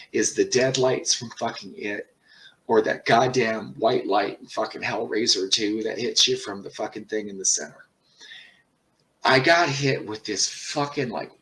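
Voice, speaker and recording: A man telling a personal story in a casual, rambling way, swearing often and pausing on fillers. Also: medium pitch, fairly bright tone, far from the mic. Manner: profane, rambling, halting with many fillers. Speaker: channel host.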